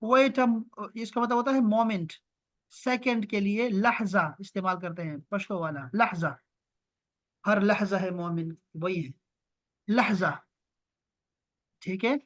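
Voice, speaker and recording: A man teaching an online language lesson over a video call, repeating words slowly and drawing them out for his learners. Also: high voice, fairly bright tone. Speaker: Arabic teacher.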